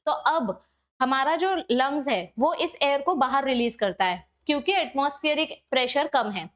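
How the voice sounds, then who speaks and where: A woman's voice: high-pitched, fairly bright tone. A woman biology teacher, giving an exam-prep lecture, explaining step by step and switching to English for key terms. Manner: corrects herself mid-explanation.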